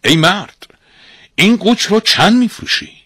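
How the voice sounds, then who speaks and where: A man's voice: sits high, sing-song, fairly bright tone, husky, no room sound, clean studio sound, pitched above the performer's own voice, exaggerated voice. A man voicing a scheming male spirit who lives in a spring and teaches magic tricks. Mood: commanding.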